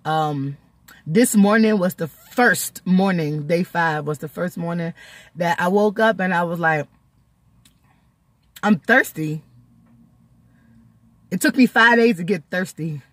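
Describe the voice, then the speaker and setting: A woman's voice: fairly low pitch, unhurried, no room sound. Tearful chatty woman vlogging. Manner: chatty, laughing often, emotional. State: tearful, close to crying. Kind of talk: casual vlog diary.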